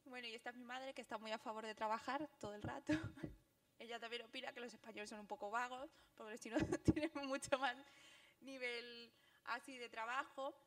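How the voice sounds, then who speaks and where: A young woman with an Andalusian accent, giving a fast, animated talk with lots of laughter at a book presentation. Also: on the high side. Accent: Andalusian Spanish. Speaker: guest speaker, graphic novelist.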